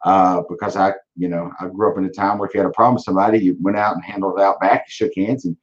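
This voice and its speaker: This auto dealership leader, a man in his 40s appearing as a guest, speaks very fast in a low voice with a steady tone. He answers casually but bluntly and with drive, frequently restarting and repeating words. The sound quality is lo-fi.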